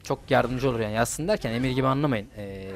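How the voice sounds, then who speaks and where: A young man talks through a mobile fighting game. He is casual and slangy, swears at his opponents and sounds like he is chatting with his viewers. His voice sits at a medium pitch, with soft game music underneath. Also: fast talker. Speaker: gaming YouTuber. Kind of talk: casual gameplay commentary.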